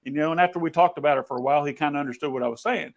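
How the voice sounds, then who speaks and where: A man hosting a podcast over a video call, telling an animated anecdote full of restarts in a conversational way. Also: a little high, racing, creaky. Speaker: podcast host. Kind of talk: conversational storytelling. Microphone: video call camera.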